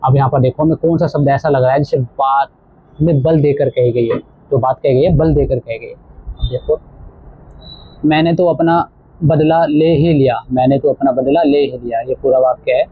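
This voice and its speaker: A male teacher explaining a textbook lesson to children, slowly repeating words for emphasis. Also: mid-range voice, steady tone, husky. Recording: tinny phone-like audio.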